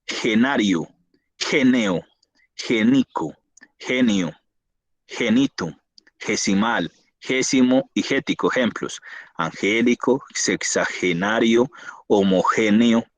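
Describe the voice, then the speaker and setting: Low-voiced man teaching spelling rules. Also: no room sound. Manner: reads spelling rules, spelling out examples slowly. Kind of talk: online class lecture.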